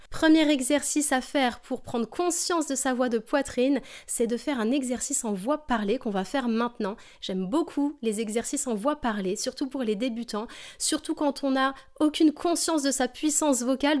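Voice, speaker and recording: A woman teaching a singing lesson, explaining vocal technique calmly and demonstrating exercises. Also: sits high.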